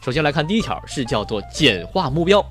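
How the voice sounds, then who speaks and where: A man's voice: on the high side, sing-song, fast talker, a bit bright, faint music behind. A man hosting a show in a chatty, playful way, telling jokes and then giving advice to his listeners. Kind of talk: joke telling and advice talk.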